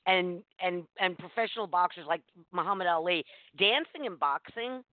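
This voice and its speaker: Male radio interview host, slightly high-pitched voice, presenting to guests; narrow telephone-grade sound. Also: expressive, normal speed, no echo. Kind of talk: scripted introduction and casual interviewing. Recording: thin, dry phone-like radio sound.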